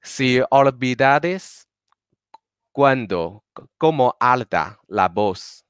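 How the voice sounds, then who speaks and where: A man whose first language is Chinese teaches an online lesson, speaking slowly and haltingly, with many filler sounds, and switching between Spanish and English. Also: medium pitch, expressive, smooth, dry recording, clean studio sound.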